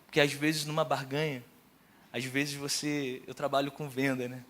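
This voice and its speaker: A young man from Rio preaching a sermon in casual, slangy speech, swinging from loud calls to hushed storytelling. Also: mid-range voice, level tone, normal speed. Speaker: pastor.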